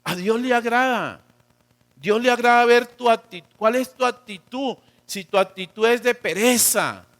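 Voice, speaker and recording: High-voiced Colombian pastor preaching. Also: male voice, measured pace. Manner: preaching with big swings between loud emphasis and quiet drops; acts out quotes of God and of church members. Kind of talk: sermon.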